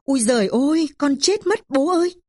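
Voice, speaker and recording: A woman's voice: medium pitch, moderate pace, darkish tone, breathy edge, close to an everyday voice. A woman voicing a young daughter who pleads and wails while her father beats her. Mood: wailing. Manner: pleading, wailing. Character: young daughter, frightened and tearful.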